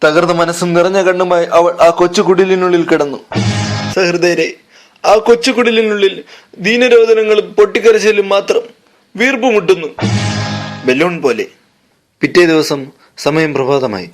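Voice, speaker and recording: A man's voice: sits high, normal speed, long pauses, faint music behind. A male storyteller narrating a comic tale in a dramatic, mock-grand manner.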